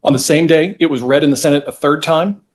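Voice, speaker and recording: A male attorney takes the court methodically through legal history, explaining to the judge with slight hesitations. His voice is a little high.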